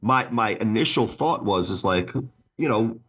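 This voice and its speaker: A man's voice: lowish voice, expressive, measured pace, a bit bright, breathy edge. A man co-hosting a casual sports podcast, arguing bluntly and swearing, often restarting with repeated words. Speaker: podcast co-host.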